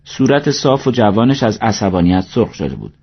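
A man narrating an audiobook story in a steady, measured reading voice, in a dull lo-fi recording. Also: lowish voice, slightly rough.

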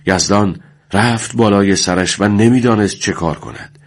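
A man reading a war story aloud in a solemn, measured way. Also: fairly low pitch. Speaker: narrator.

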